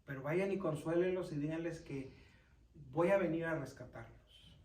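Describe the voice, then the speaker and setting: Deacon teaching scripture in a roomy hall. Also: male voice, fairly high pitch, normal speed, darkish tone. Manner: reads scripture aloud, then explains it and quizzes listeners. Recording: roomy sound from a distant mic.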